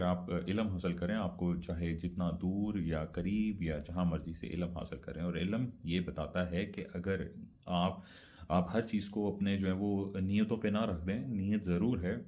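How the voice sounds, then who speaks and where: Man, low mellow voice, casual explainer, repeats points, dull lo-fi recording. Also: steady tone. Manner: conversational, repeats points, mixes English words. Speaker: speaker explaining religious practice. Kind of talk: casual religious explainer talk.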